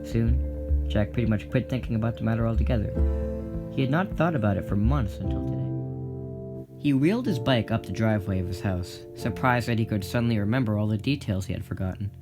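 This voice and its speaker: A man with a brisk, low-leaning voice reads scripted narration for an audio drama, with prominent plucked guitar music behind him.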